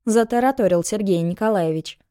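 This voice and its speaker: A woman narrating an audiobook in a calm, even storytelling voice. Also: medium pitch, fairly quick.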